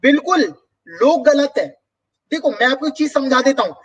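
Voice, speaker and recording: A man's voice: very high voice, big pitch swings, moderate pace, recorded from a distance, muffled recording. A man hosting a motivational business talk and answering viewer comments, speaking emphatically with rhetorical questions.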